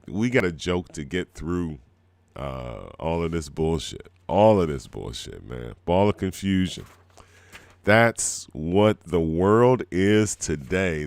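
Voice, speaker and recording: A middle-aged man with a cold-roughened throat hosts a live music show, rambling through laid-back chat. His voice is low and there is no echo.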